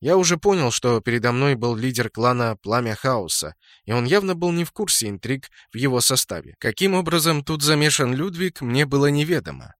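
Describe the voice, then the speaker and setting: A man's voice: mid-range voice, fairly quick, hardly any pauses, a bit bright, dry recording, studio quality. Man reading a first-person story. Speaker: audiobook narrator. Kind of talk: first-person scripted narration.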